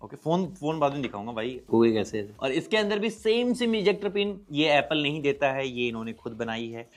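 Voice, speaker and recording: A young man doing a casual, excited unboxing review of used phones, chatty and talking straight to his viewers. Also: medium pitch, a little fast. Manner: excited, chatty, calls viewers brother and guys. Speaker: tech reviewer.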